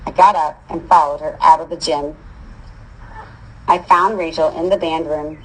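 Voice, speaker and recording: A woman's voice: sits low, fairly even intonation, normal speed, breathy edge, rough recording. A woman reading a first-person story aloud in a casual, wry manner. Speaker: audiobook reader.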